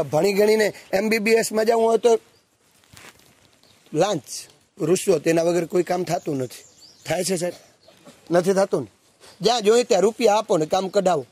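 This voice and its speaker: A man delivers a motivational talk to students, weaving a story with rousing, preachy asides. His voice sits a bit high with a husky edge. He keeps asking his listeners questions to draw them in. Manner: animated, acts out dialogue and asks the audience questions. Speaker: speaker at a student values camp.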